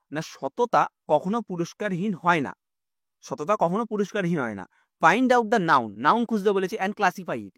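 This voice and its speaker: Male teacher, Bengali accent, patient explainer, high animated pitch. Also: no room sound, clean studio sound. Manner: explaining patiently, keeps asking "understood?". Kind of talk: exam-prep English lesson.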